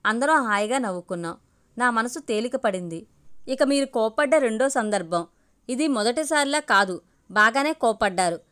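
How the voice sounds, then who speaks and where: A woman reading a first-person story aloud in a steady, intimate way. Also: on the high side, normal speed, clear, resonant tone. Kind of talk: scripted story narration.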